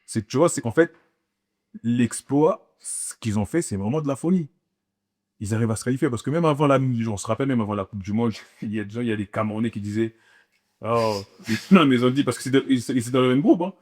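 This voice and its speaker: A man chatting casually about football with friends, animated and quick to argue his point. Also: mid-range voice. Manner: animated, talks over others.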